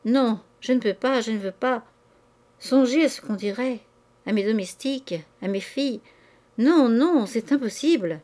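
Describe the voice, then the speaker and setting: A woman's voice: on the high side, measured pace, mellow, natural voice. A woman voicing a flustered, timid society lady. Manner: breathless, faltering refusals.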